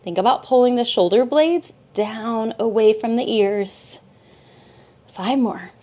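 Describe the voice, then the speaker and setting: Female Pilates instructor, slightly high, unhurried, calm encouraging cues. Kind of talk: guided workout instruction.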